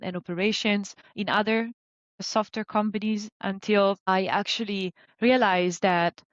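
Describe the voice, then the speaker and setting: A woman in her thirties from Italy, a business coach talking about her career in a relaxed, chatty way with many fillers. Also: mid-range voice, a little slow, no echo, muffled recording. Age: 30s. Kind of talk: conversational interview.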